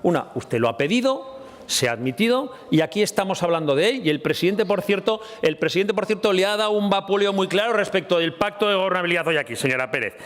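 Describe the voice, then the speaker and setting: A man's voice: high voice, lively intonation, fast, fairly bright tone. A man giving a combative parliamentary speech, repeatedly addressing his opponent by name. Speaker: parliamentary spokesman. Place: parliament chamber. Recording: reverberant chamber with murmuring crowd.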